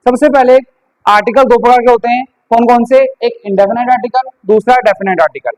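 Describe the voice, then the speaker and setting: Man, very high voice, teacher, questions and answers himself, repeats points. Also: a little fast, darkish tone, low-quality recording. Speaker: English teacher. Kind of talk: classroom grammar lesson.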